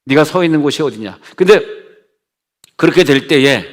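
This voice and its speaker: A middle-aged male pastor preaching a sermon in a conversational way, switching between loud commands and hushed asides. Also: fairly high pitch, lively intonation, moderate pace. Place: church sanctuary. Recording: long church reverb.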